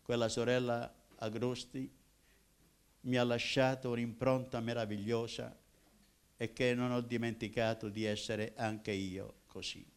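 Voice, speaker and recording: An older man from Apulia, a minister giving his personal testimony in an emotional way, swinging from loud cries to hushed tones. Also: mid-range voice, flat delivery, unhurried, clear, resonant tone. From Apulia, southern Italy.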